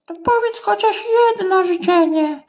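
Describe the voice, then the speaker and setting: Woman doing a high sing-song golden fish. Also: unhurried, dull audio. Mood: magical. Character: magical golden fish granting wishes.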